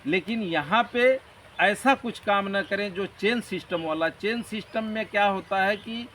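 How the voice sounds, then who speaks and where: A man's voice: sits high, a little slow, bright, forceful tone. Earnest Hindi-speaking man, distant mic. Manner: earnest, motivational, rambling explanations. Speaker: interview guest. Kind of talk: conversational interview. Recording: distant mic with faint background noise.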